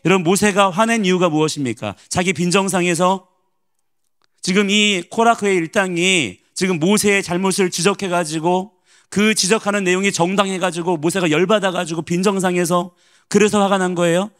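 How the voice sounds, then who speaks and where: A male pastor giving a morning sermon, preaching in an animated way and putting questions to the congregation. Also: high-pitched, moderate pace.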